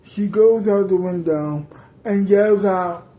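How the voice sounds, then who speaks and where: Slow, rambling woman telling a story. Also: mid-range voice, mellow, poor audio. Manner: rambling, corrects herself often. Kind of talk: improvised storytelling.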